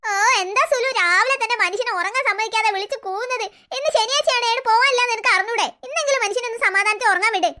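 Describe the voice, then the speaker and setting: Someone voicing a grumpy sleepy cartoon uncle, sarcastic, voice still squeaky high. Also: racing, few pauses, pushed and bright. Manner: grumbling, sarcastic. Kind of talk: cartoon voice acting.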